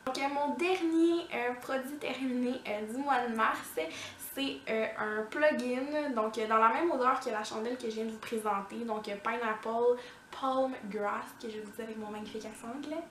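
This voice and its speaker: A woman's voice: on the high side, brisk, slight background noise. Chatty Québécois woman vlogger, echoey room. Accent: Québécois French. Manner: chatty, many "euh" fillers. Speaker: beauty vlogger. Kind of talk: casual product review to camera.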